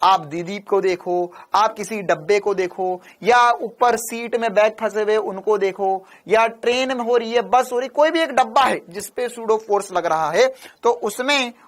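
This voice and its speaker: Guy teaching physics, really high voice, jokey storytelling, keeps repeating stuff and quizzing you. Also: measured pace, few pauses. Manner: repeats key terms and quizzes listeners; playful storytelling. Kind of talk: classroom lecture.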